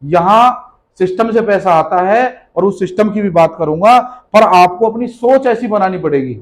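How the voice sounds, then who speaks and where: Rough recording of a man with a high-pitched voice speaking at normal speed. He's a motivational business speaker in a seminar hall, questioning his live audience rhetorically, scolding them, and emphatically going back over key phrases.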